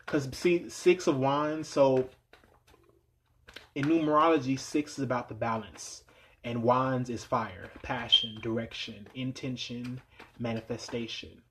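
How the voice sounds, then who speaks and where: A man giving a weekly tarot reading in a meditative way, repeating phrases and sometimes dropping to a low, quiet voice. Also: a little hiss or hum. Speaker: tarot reader.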